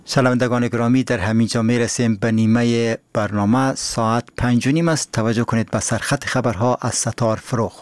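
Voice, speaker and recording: A man's voice: medium pitch, fairly even intonation, few pauses, faint music behind. A man with an Afghan accent formally announcing programmes as a radio presenter.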